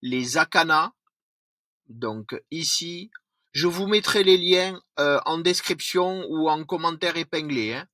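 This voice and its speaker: Slow-talking bright-voiced man. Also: fairly high pitch, dry recording. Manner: reads a list of points with slips and self-corrections. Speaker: product reviewer. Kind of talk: product review vlog.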